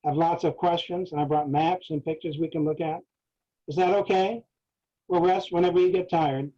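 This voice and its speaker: A man's voice: fairly high pitch, fairly even intonation, moderate pace, dark tone, lightly acted. A man reading the lines of a patient interviewer who reassures an older man. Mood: reassuring. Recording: dull lo-fi recording.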